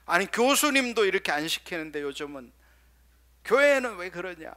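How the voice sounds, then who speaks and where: A male pastor preaching a sermon, firing rhetorical questions at the congregation and dropping into soft, quiet asides. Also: sits high, sing-song, normal speed.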